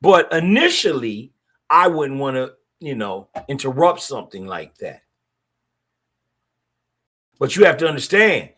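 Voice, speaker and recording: A middle-aged man hosts a casual monologue podcast, speaking bluntly with a streetwise, opinionated edge. His voice is a little high with a fairly bright tone.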